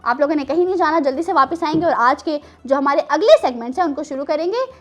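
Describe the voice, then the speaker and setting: Fast and expressive, a woman's high voice carries a children's show as she tells stories and chats playfully with children. She sounds teacherly and teasing and asks plenty of questions.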